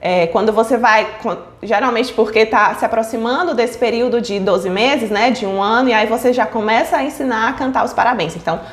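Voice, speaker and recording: Speaking fairly quickly with few pauses, a woman with a somewhat high voice sounds reverberant. She explains child speech development in an online lesson, often checking in with listeners via frequent "certo?" and "tá?".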